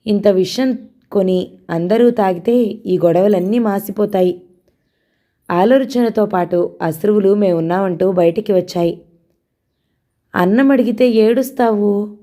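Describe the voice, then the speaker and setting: A woman narrating an audio novel in a steady storytelling manner. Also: lowish voice.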